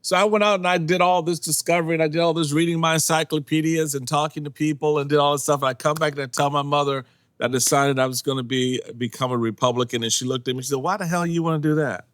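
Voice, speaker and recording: A man in his sixties, a guest in a casual interview, telling lively stories and acting out what people said, laughing often. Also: a little high, fast talker, no echo, studio quality. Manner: animated storyteller, acts out quotes, laughs often. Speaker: podcast guest, former party chairman.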